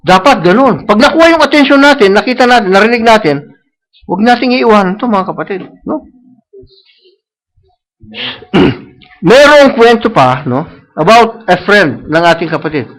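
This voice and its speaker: A man with a notably high voice preaches a sermon in a church, his plain as he slides between Tagalog and English. He hammers points home by repetition and keeps checking in with a questioning "No?". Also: lively intonation, normal speed, pauses often, fairly bright tone, low-quality recording. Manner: switches between Tagalog and English, tags lines with "No?"; repeats himself for emphasis. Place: church service.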